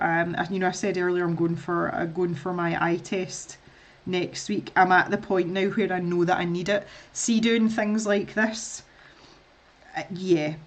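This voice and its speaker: A middle-aged woman with a Scottish accent chatting casually to viewers while she colours, rambling and laughing often. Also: fairly low pitch. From Scotland. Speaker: art streamer.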